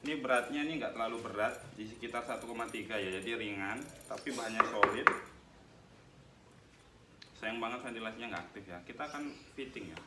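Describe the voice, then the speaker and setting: Speaking fairly quickly in a lowish voice, this young motovlogger chats with his viewers, addressing them as "guys," as he dismantles a helmet for a casual review. The setting is a small indoor room with a tiled wall, and the distant mic picks up echo and background noise.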